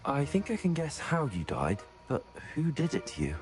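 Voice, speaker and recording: A man's voice: a little high, wildly swooping pitch, moderate pace, faint music behind. An actor voicing a young male wizard student in a video game, asking dry, curious questions.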